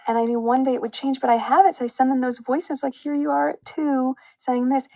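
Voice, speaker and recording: Heartfelt, reflective woman guest in casual chat; gravelly edge, dry close sound. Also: sits high, little pitch movement, a little fast, no echo, dull audio.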